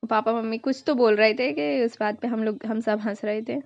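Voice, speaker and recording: A woman's voice: fairly high pitch, normal speed, gravelly, dry recording, muffled recording. A young woman vlogger narrating her family's festival video in a casual, chatty way, dropping in English words now and then.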